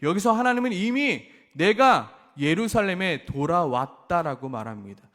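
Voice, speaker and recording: A man delivers a sermon with a high, animated voice that climbs and falls sharply. He acts out pleading questions with passion, then sinks back to a quiet, low tone. The sound carries a long reverberant tail. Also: moderate pace. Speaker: pastor.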